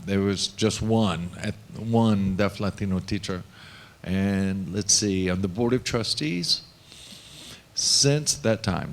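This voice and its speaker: A man with a fairly low voice speaks as a panelist in a panel discussion, deliberate and reflective, pausing as he goes.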